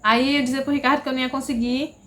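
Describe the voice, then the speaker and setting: A woman's voice: high-pitched, flat delivery, very fast, fairly bright tone, a little hiss or hum. A Brazilian woman vlogger casually telling a personal story, chatty and repetitive, often checking in with "entendeu?". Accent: Brazilian Portuguese. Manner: chatty, repeats herself, frequent "entendeu?".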